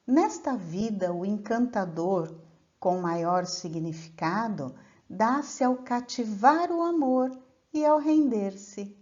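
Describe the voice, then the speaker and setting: A woman explains a lesson at a slow, unhurried pace. She reads verses syllable by syllable in a mellow, fairly high voice. The recording sounds dull and lo-fi. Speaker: teacher.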